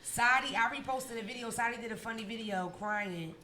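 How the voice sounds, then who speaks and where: A woman's voice: fairly high pitch, a little fast, bright, forceful tone, reverberant, slight background noise. A woman hosting a podcast, telling stories in brash, profane casual chat and laughing often. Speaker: podcast host.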